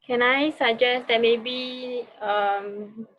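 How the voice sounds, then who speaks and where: A woman's voice: a little high, fairly even intonation, extremely slow. Woman on a muffled, lo-fi video call. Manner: politely directing the others. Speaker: event moderator. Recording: dull lo-fi online call.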